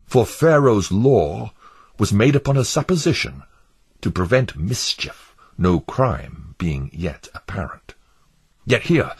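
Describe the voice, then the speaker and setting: A man's voice: lowish voice, husky, pitched above the performer's own voice, exaggerated voice. A man voicing a zealous, relentless male court accuser in a storybook reading, speaking in an emphatic, declamatory way.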